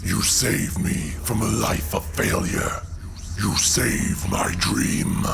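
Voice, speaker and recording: A man playing a grave, embittered alien god killer in a comic-book audio drama, delivering slow, theatrical, menacing speeches. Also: full character voice. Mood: cold, menacing. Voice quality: deep gravelly voice. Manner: slow, brooding, theatrical villain monologue. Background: music under the voice.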